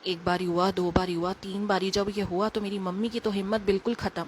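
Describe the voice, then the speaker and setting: Woman, Delhi accent, earnest storytelling, quick retelling, phone recording, faint background noise. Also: medium pitch, little pitch movement. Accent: Delhi Hindi. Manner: earnest, emotional, quick retelling with quoted dialogue. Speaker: devotee sharing a testimony. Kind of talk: casual personal storytelling.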